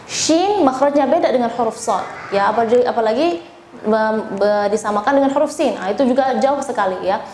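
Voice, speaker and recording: A woman's voice: on the high side, a little fast, darkish tone. A woman with an Indonesian accent teaching Quran recitation, over-enunciating example sounds and words as she explains and demonstrates them. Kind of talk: spoken lesson with feedback and demonstrations. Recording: echoey room, faint background noise.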